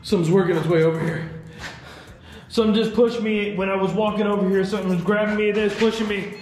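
A man's voice: high-pitched, fairly even intonation, fast, darkish tone. A man in his thirties filming a casual ghost-hunting vlog, talking in a slangy, uneasy way to viewers and spirits. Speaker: solo paranormal investigator, host. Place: abandoned jail at night, indoors and just outside. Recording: echoey empty building, faint noise.

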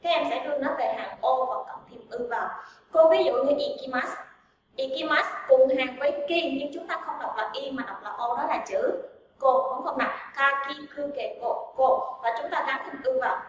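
A woman's voice: sits high, normal speed, dull audio, a little hiss or hum. A woman teaching a language grammar lesson, drilling examples aloud and asking her students rhetorical questions. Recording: very echoey room, voice from a distance.

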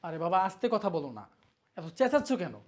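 For a short film, a woman with a lowish, darkish voice plays a husband pleading with his angry wife to be kind to his sister. She speaks quickly with big pitch swings, pleading and reasoning throughout.

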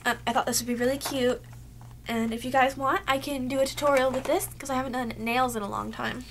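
Speaking briskly in a high-pitched, steady tone, a young woman talks casually to her webcam about a beauty haul. She's in a cluttered bedroom, a little sick and losing her voice, and leans heavily on "like." Slight background noise can be heard.

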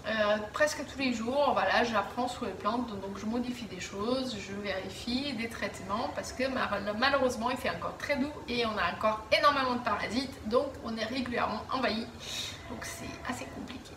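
A woman's voice: on the high side, moderate pace, noisy background. A woman in her thirties chatting to camera from her living room, with many fillers and restarts as she answers viewer questions. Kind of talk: casual chat to camera. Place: living room at home, indoors. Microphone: camera at a distance. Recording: roomy echo, voice a bit far from the mic.

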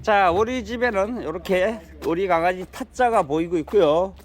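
This older man's voice runs high at a moderate pace as he narrates a relaxed vlog from his rural home. He tells folksy stories and keeps chuckling.

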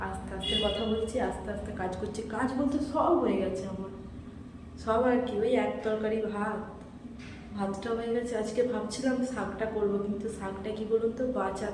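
A woman's voice: medium pitch, heavy reverb, long reverb tail, recorded from a distance, noisy background. A woman vlogger talking to her viewers while doing housework at home, friendly and homely. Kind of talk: casual vlog narration while doing housework. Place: indoors at home, kitchen and bedroom.

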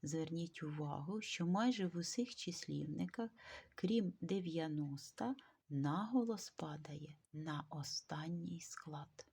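A woman teaching a video grammar lesson, slowly dictating words with care. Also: low voice, creaky, a little mellow, husky. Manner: slow, careful dictation of words.

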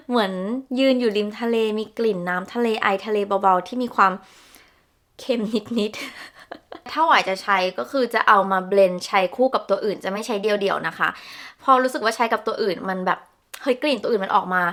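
A woman's voice: medium pitch, fairly bright tone. A young woman chatting casually through a perfume review, descriptive and gushing, with polite particles. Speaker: beauty vlogger.

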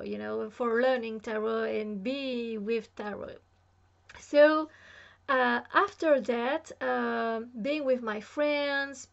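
A young woman whose first language is French chats casually to camera as a spiritual vlogger, peppering her talk with lots of "you know"s. Her voice is fairly high, and the recording from a small room at home sounds muffled.

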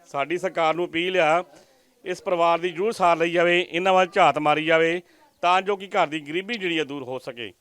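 A man's voice: a little high, steady tone, fairly quick, a bit bright, clean tone, dry recording. A man with a Majhi Punjabi accent reporting from a village, interviewing a poor family and earnestly pleading with viewers. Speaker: news reporter. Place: village outdoors.

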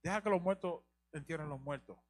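A man's voice: a little high, a little fast. A man teaching the Bible on a live show, asking rhetorical questions and repeating key lines. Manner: rhetorical questions and repetition, directs the reader.

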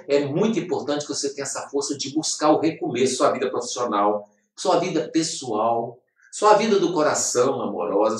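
A man hosting an inspirational program, giving an earnest motivational talk that repeats its points and speaks straight to the listener. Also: a little high. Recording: echoey room, voice far from mic.

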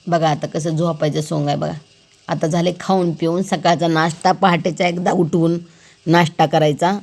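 A woman's voice: sits low, steady tone, moderate pace, darkish tone. Woman teasingly chatting about her cat. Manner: playful, teasing, repeats words over and over; asks the viewers questions directly. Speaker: pet vlogger. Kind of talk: casual chat to viewers about her cat.

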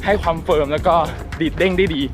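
A man's voice: fairly high pitch, fairly even intonation, quick pace, music in the background. A man vlogging a casual review to camera while he runs outdoors, talking in short broken phrases as he moves. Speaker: vlogger reviewing running shoes. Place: outdoors in a city and park.

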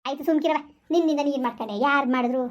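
A woman's voice: high-pitched, rapid-fire, lightly acted. A woman playing a blunt old village grandmother who comforts with brusque scolding. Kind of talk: village family skit acting.

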